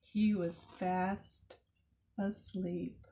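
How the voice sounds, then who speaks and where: A woman educator reading a picture book aloud to children, expressive and chatty with asides to the kids. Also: on the low side, extremely slow. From United States. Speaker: zoo educator. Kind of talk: children's storytime read-aloud.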